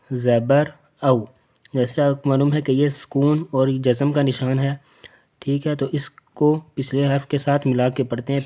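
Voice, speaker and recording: Patient Urdu-speaking man, flat teaching voice. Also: mid-range voice. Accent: Pakistani Urdu. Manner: patient, spells out letters one by one, repeats each sound. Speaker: Quran reading teacher. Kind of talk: slow spelled-out recitation lesson.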